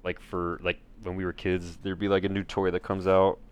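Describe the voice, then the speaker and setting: A man's voice: low voice, monotone, moderate pace, clean tone. A man co-hosting a podcast in casual chat, dry and teasing in a blunt way. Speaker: podcast co-host.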